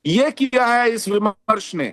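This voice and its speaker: Indignant high-voiced male debate panelist. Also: expressive, unhurried, a bit bright, no room sound. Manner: emphatic, indignant, rhetorical. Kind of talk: heated TV debate argument.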